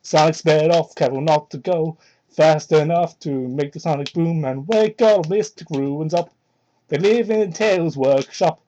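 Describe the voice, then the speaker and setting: Reading and commenting on fan fiction, a young adult hams up the drama and drops sardonic, profane remarks along the way. The pace is a little slow and the tone dark, captured on a cheap, muffled, low-fidelity microphone with a little hiss or hum.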